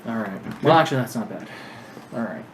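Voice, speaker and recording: A player in a tabletop game who talks his way through the numbers, hesitant and muttering. His voice has an average pitch. A faint noise sits in the background. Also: lively intonation, fairly quick. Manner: mutters dice math to himself, hesitant. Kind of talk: casual tabletop game play.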